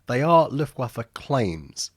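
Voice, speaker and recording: Male voice-over narrator, wry asides, husky tone, dry close mic. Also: mid-range voice, big pitch swings, slow pace, dry recording. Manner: wry, jokey asides between statistics. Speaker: aviation history narrator. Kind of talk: scripted documentary narration.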